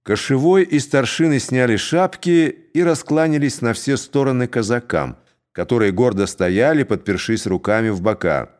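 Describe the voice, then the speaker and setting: A man narrating a classic tale as an audiobook, in an expressive, unhurried way. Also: mid-range voice.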